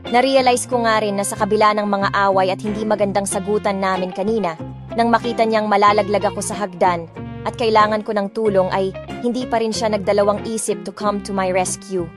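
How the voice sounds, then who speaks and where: With music underneath, a woman narrates a first-person romance story for an audiobook in a mid-range voice and a brisk pace. She is expressive, blending Tagalog and English phrases freely.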